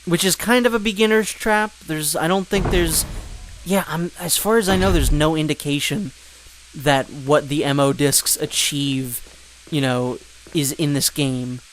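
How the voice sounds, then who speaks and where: A man's voice: fairly high pitch, fairly even intonation, measured pace, a little hiss or hum. A man giving casual gameplay commentary, rambling with joking asides and fillers. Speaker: let's play commentator.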